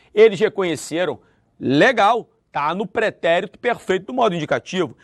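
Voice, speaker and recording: A man with a Brazilian Portuguese accent teaching a video grammar lesson, lively and acting out example sentences. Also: high voice, no echo, clean studio sound. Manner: lively, acts out example sentences with shifting intonation.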